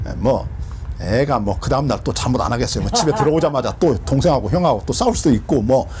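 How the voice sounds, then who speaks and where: A man's voice: medium pitch, expressive, fast, darkish tone, a little hiss or hum. A man teaching from the Bible as a pastor, asking his listeners questions and answering them himself.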